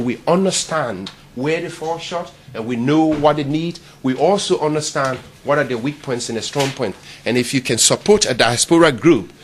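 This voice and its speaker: A man from Liberia giving a charity presentation in a meeting room, animated and quizzing his audience. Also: medium pitch, slight background noise. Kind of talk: speech to a networking event.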